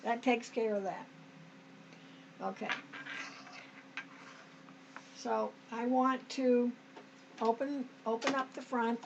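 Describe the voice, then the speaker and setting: A woman with a slightly high voice leads a relaxed sewing lesson, talking to her viewers as if they sew alongside her. Her throat is a little dry. The recording sounds a bit dull, with faint room noise behind her. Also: takes it slowly, gravelly, long pauses. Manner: homey, talks to viewers as "us", frequent okays and restarts. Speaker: sewing tutorial host. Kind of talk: chatty step-by-step sewing demonstration.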